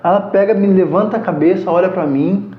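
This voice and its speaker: A man's voice: high-pitched, a little fast. A Brazilian man in his thirties telling heartfelt personal stories as a podcast guest. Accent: Brazilian Portuguese. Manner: earnest, heartfelt storyteller. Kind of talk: casual storytelling interview. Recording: echoey room, muffled sound.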